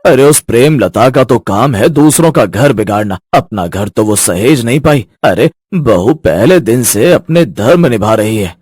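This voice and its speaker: A man's voice: medium pitch, animated, unhurried, few pauses, a little mellow, slightly rough, dry recording, clean studio sound. A man voicing a firm but kindly older father-in-law in a cartoon story, scolding his wife. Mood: stern. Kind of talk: animated storybook voice acting.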